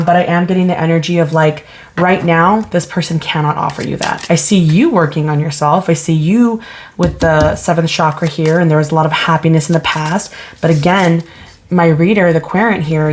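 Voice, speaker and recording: Casting: woman, low voice, casual tarot reader, chatty, slight background hiss. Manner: chatty, thinking aloud, asks spirit questions. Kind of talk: casual pick-a-card tarot reading.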